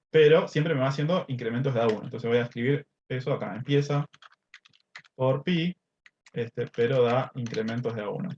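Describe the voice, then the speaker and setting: A male math teacher walks through code on screen one step at a time. His voice sits in a middle range, and he keeps checking in with his class. The audio is a little dull and lo-fi, as if taken from a computer microphone. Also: medium pitch. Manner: explains step by step, checks in with "¿sí?" and "este". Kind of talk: screen-recorded coding lesson.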